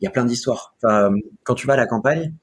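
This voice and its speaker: A young man from Marseille, France, talks casually as an interview guest about his video work, rambling with plenty of fillers and restarts. His mid-range voice is fast and slightly rough.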